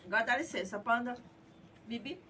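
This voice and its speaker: A woman's voice: fairly high pitch, lively intonation, a little fast, bright, forceful tone. A middle-aged Brazilian woman hosting a pet product review vlog in a playful, cutesy manner, sprinkling in Japanese catchphrases. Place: small tiled outdoor patio or yard. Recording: clear background noise, outdoor ambience.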